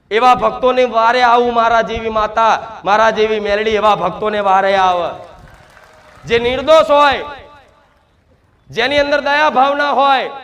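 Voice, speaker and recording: Very high-voiced man preaching as goddess. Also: fairly bright tone. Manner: emphatic, repeated rhetorical questions. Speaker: devotee speaking as the goddess. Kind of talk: devotional sermon in first person as goddess.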